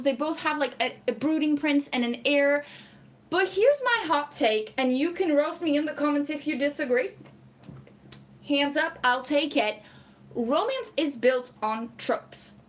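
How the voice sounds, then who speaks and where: High-voiced chatty Portuguese woman streamer. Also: animated, a little slow, slight background noise. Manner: chatty, laughs a lot, lots of "like" fillers. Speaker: streamer reading chat. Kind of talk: casual live chat.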